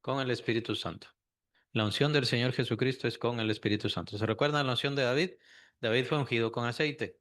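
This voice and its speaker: A man's voice: medium pitch, fairly bright tone. A man teaching a Sunday school Bible lesson, asking the class questions and repeating key phrases.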